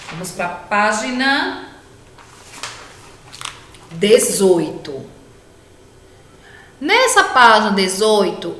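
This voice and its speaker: A Brazilian woman teacher giving a patient, slow lesson to children, sounding out words one by one. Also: on the high side, a bit bright, recorded from a distance. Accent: Brazilian Portuguese. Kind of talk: remote class lesson for children. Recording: echoey room, voice from off mic.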